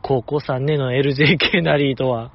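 A man's voice: medium pitch, steady tone, dull audio. A man with a Kansai accent hosting a podcast, chatting casually and joking as he reads listener mail. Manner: joking, self-deprecating banter with quick laughs. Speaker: podcast host.

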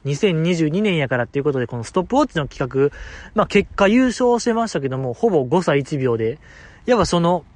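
A man with a fairly high voice talks alone into a close mic, loose and chatty, cracking jokes and poking fun at himself. The sound is dry and close, with no room around it. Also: big pitch swings, fast, no echo. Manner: joking, self-mocking, chatty. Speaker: podcast host. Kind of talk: solo casual chat.

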